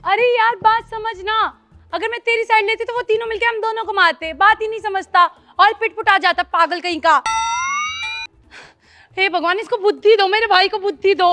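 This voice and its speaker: A woman's voice: very high voice, normal speed, sharp tone. A young woman playing a bossy, exasperated older sister in a comedy sketch. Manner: scolding, exasperated. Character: bossy older sister, bickering with her brother. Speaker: vlogger.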